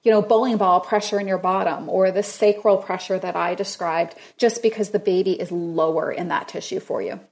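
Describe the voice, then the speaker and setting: A woman guest expert on a podcast, telling stories in casual chat with lively laughter. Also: lowish voice, a little fast, hardly any pauses. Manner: lively storyteller, laughs along.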